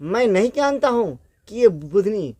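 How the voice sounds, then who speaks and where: A man's voice: high-pitched, sing-song, a little slow, darkish tone, no echo, full character voice. A man voicing a foolish, bewildered king who weeps without knowing why, in a spoken folk story. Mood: lamenting. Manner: lamenting, bewildered.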